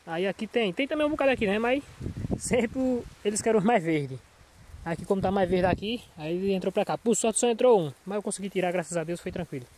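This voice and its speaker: Higher-pitched and slightly hoarse, a Northeastern Brazilian small farmer talks fast with a darkish tone while vlogging from an open cornfield. His chat is casual and folksy, full of repetition and check-in tags, and the handheld recording picks up outdoor noise.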